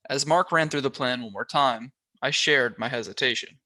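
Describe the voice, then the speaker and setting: A man reading a children's novel aloud as a volunteer reader, telling the story lively and shifting his voice a little for the characters. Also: mid-range voice, normal speed.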